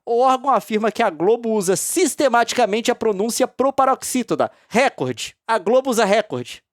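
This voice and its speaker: A woman's voice: fairly high pitch, lively intonation, a little fast, no room sound, studio quality. Sarcastic Brazilian woman commentator. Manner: sarcastic, mocking with heavy repeated emphasis and sudden loud outbursts. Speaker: host. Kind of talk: casual commentary reading a news story aloud.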